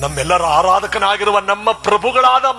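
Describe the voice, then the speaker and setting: Old grandfather figure in a sung storytelling, earnest and devout, high-pitched, played by a man. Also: expressive, moderate pace, gravelly, over music. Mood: impassioned. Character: kindly old village grandfather, fussing and devout.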